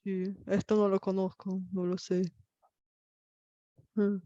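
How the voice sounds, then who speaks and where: A woman from Bulgaria, speaking a language that is not her own, talks very slowly and keeps pausing on fillers as she hunts for words. Her voice sounds dry and close. The recording is dull and lo-fi. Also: mid-range voice, little pitch movement, mellow, clean tone, no room sound. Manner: hesitant, many fillers while searching for words. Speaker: host. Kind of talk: casual multilingual conversation.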